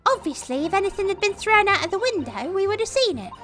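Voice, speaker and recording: Woman playing a very high, gushing policeman's wife. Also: sing-song, fast, fairly bright tone, faint music behind, heavily acted. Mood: proud. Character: adoring, swooning wife of a London policeman. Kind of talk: video game read-aloud voice acting.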